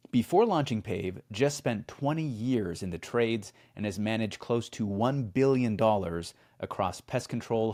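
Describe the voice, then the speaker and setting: A lower-voiced man co-hosting a podcast, relaxed in banter but brisk and upbeat when reading the promo. He sounds like a practiced announcer reading a guest bio. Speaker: podcast co-host. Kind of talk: casual chat and read-out show promo.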